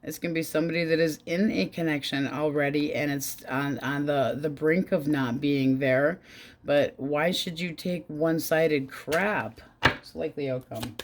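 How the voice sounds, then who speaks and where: Blunt, chatty woman reading tarot. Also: moderate pace. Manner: chatty, blunt and swearing, with sudden pitch jumps. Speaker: tarot reader.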